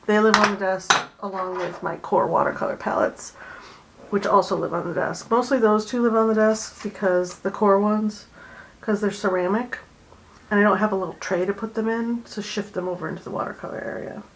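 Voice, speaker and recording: A woman hosting a drawing session at her home art desk, chatting casually and going soft and hushed when she concentrates. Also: mid-range voice, fairly even intonation, brisk, low-quality recording. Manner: soft-spoken, drifting into near-whispers while concentrating; chatty and easygoing, with fillers and small laughs. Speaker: art channel host. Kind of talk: casual drawing tutorial chat.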